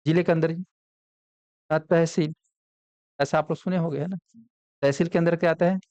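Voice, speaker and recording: An exam coaching lecturer with a fairly high, darkish voice keeps his intonation fairly even and his pace moderate. He constantly poses questions to the class and answers them himself. The recording is muffled, though free of echo.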